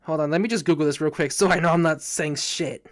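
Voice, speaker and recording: A drunk man streams live from his room, reacting to a video with rambling, casual commentary, swearing and stumbling over his words. His voice is a little high and his pace quick.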